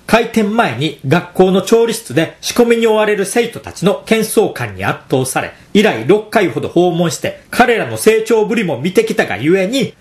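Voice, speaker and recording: A program host giving scripted commentary and explanations, laughing now and then between remarks. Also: mid-range voice.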